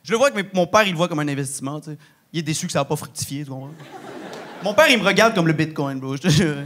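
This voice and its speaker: A young man with a Québécois French accent performing a stand-up comedy set, talking in a slangy, animated way peppered with swears. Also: a little high, very fast, slight background noise. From Quebec. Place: large theatre stage with live audience.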